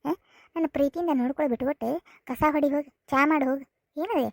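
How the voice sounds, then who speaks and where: Woman doing a high whiny north karnataka bride, spoiled, talks fast. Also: no room sound, studio quality. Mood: indignant. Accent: North Karnataka Kannada. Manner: whiny, complaining, repeats herself. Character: young married woman, spoiled and sulky. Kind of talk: cartoon comedy voice acting.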